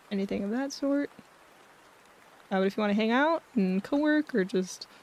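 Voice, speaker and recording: A woman's voice: a little high, a little mellow. A woman chatting casually as a livestream host, with a friendly, welcoming, bubbly manner. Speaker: streamer hosting a co-working livestream.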